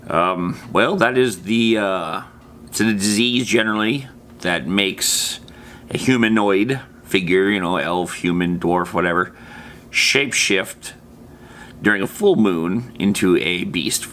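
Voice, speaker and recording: This tabletop gaming presenter has a low, slightly bright voice and takes things slowly. His explainer is casual and off the cuff, full of slang and asides that trail away, and a little background noise can be heard.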